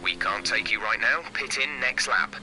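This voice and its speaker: A man voicing a calm race engineer giving clipped, matter-of-fact instructions in terse pit radio calls. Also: fairly low pitch, normal speed, music in the background. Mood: businesslike. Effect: terse pit radio call. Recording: game audio over loud engine noise.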